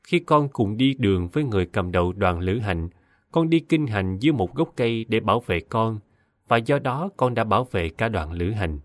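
An earnest male lay disciple, as a man puts him on speaks respectfully to his teacher. The reading has a lively pitch and a dry, close sound. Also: normal speed, no echo, lightly acted.

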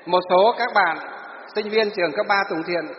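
Brief: man, a teacher lecturing a class, high voice, long hall reverb. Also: moderate pace, slight background noise. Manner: asks students rhetorical questions and answers them. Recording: echoey hall, dull lo-fi.

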